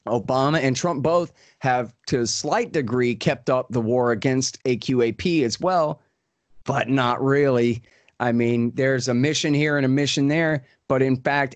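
A man's voice: medium pitch, no room sound. A man giving emphatic political commentary, with fillers and repeated points. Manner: emphatic, repetitive, fast-talking with fillers. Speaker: guest commentator.

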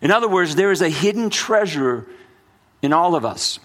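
This middle-aged pastor, American with an accent that mixes New Orleans and Brooklyn, preaches a sermon at a moderate pace. His voice is a little high, animated, and a bit bright, and his earnest delivery has frequent repeats and restarts.

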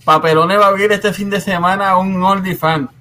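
A man's voice: high-pitched, fairly even intonation, moderate pace, pushed and bright. A man co-hosting a podcast who cuts in with short jokes and laughs. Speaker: co-host. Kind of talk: casual podcast banter. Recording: noisy recording.

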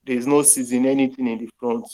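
Fairly quick and level, a mellow medium-pitched voice comes from a young Nigerian podcast host with a Nigerian accent, heard on a rough recording over an internet call. He chats and jokes casually in pidgin and English, dropping in Yoruba phrases.

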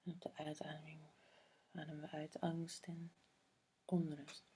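A woman guiding a meditation in a soft, breathy half-whisper, slow and soothing, with long pauses. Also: low voice, completely flat delivery. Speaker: meditation guide. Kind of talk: guided meditation.

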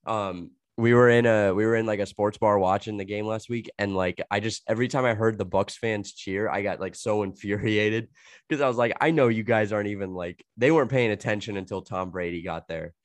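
A young man with a head cold, talking loosely and laughing his way through a podcast chat. His voice sits on the low side, and the sound is dry and close with almost no room around it. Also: brisk, dry recording. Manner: rambling, heavy filler "like", laughs a lot. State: sick with a cold, coughing. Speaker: podcast co-host. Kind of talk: casual chat.

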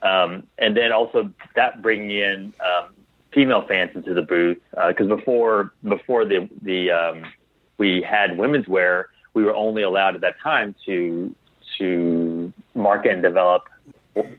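A slightly slow, fairly even-toned low voice belongs to a clothing company founder being interviewed as a guest. He talks things through out loud, often repeating words, over a dry recording that sounds like it came through a phone.

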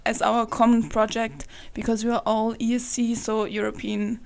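A woman's voice: fairly high pitch, level tone, normal speed, gravelly. A young woman co-hosting a casual podcast from a kitchen, with dry, teasing remarks. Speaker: podcast co-host. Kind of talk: casual chat. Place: youth center kitchen.

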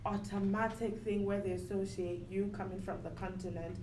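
A woman's voice: mid-range voice, normal speed. Young woman from Sierra Leone chatting casually. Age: young adult. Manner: animated storytelling, acts out quoted people. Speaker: college student. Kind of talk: casual group chat. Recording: roomy distant recording, faint noise.

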